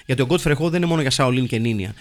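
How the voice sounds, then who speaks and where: A man hosting a comedy show, reading listener film reviews in a wry, mock-solemn deadpan. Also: mid-range voice. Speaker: host reading listener comments.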